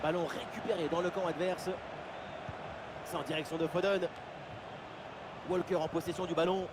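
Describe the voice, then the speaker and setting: A man giving excited football commentary as play-by-play, with exclamatory calls. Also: on the high side, normal speed. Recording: loud stadium-like background noise.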